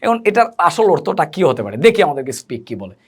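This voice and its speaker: A man teaching a spoken English lesson. He explains slowly, spells words out and answers his own questions. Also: on the high side, very animated, slightly rough.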